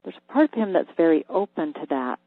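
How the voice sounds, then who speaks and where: A radio host giving an energy healing reading to a caller, calm and halting, sometimes dropping to a whisper while checking. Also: mid-range voice, vocal fry, dry recording. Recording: thin phone-like line, dry.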